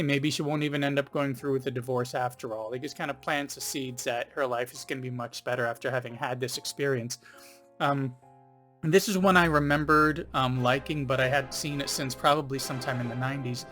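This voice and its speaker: A man's voice: medium pitch, fairly bright tone. A man hosting a casual film review video, rambling a little with frequent ums and you-knows. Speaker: film reviewer, channel host.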